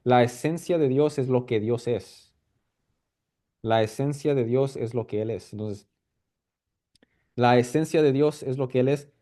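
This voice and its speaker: A man's voice: medium pitch, dark tone. A man teaching a casual Bible lesson, explaining step by step and checking in with his listeners often. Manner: explanatory, repeats himself with frequent "¿ok?" and "¿verdad?" checks; halting with restarts and fillers.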